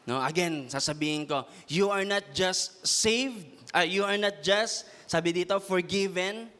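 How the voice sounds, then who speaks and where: A man's voice: sits high, a little slow, pushed and bright. Man preaching with a tag "no?". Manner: repeats a questioning "no?" tag; has the congregation repeat lines to their neighbor. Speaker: youth preacher. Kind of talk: Taglish sermon.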